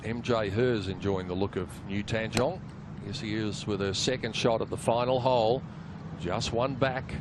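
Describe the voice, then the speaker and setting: A man's voice: lowish voice, steady tone, moderate pace. A man working as a golf commentator, calling live tournament play for television. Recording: clear outdoor course ambience noise. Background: outdoor ambience.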